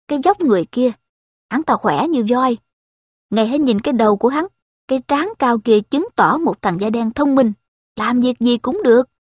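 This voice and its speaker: A coaxing slave trader from a storybook, smooth and pushy as he talks up his price, as a woman reads him in a voice pitched somewhat high. The sound is dry and close, with no room around it. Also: no echo. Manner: persuasive, coaxing sales talk. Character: smooth-talking adult male slave trader.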